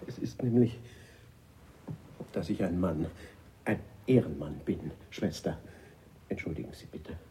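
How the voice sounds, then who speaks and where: An actor playing a chaste, panicky old ex-friar who stammers and sounds stuffed up from a cold. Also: male voice, low-pitched, expressive, unhurried, pauses often, warm tone, slight background noise, rough recording. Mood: flustered. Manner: stammering, flustered, breathless outbursts.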